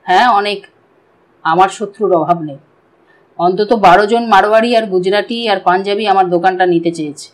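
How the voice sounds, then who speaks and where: A woman voicing a tough injured young man in an audiobook, speaking low, curt and matter-of-fact. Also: moderate pace, close to an everyday voice, rough recording. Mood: grim.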